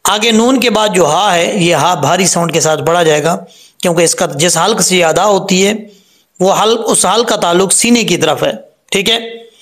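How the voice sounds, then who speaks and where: A man teaching Quran recitation, explaining each sound patiently step by step and chanting the verses slowly. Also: high voice, a bit bright. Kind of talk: tajweed lesson with recitation.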